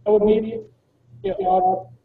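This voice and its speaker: Guy with a high voice on a glitchy breaking-up video call, muffled lo-fi line, words chopped up. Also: level tone. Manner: halting, cut into fragments. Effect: choppy, breaking-up video call audio. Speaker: remote participant on a video call. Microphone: computer or phone on a video call. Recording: dull lo-fi call line with faint noise.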